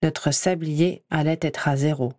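A woman reading a first-person story aloud in a measured, clear storytelling manner. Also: low-pitched, fairly even intonation, mellow, dry recording, studio quality. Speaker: audiobook reader.

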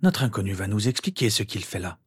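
Old male headmaster, read by a man, courteous and measured, calming. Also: on the low side, slightly rough, heavily acted. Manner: measured, polite, soothing.

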